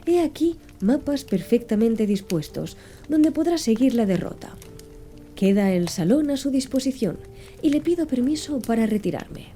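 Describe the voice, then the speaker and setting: A woman's voice: a little high, expressive, normal speed, dark tone, faint music behind, natural voice. Captain Nemo, a cool formal sea captain, as a woman puts him on. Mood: composed, formal. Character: aloof, courteous male submarine captain.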